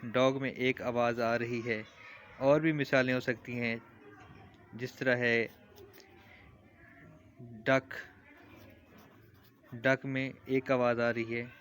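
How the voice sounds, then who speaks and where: Patient male teacher explaining slowly. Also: mid-range voice, little pitch movement, a bit bright. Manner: patient, repeats examples slowly. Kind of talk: classroom lesson explanation.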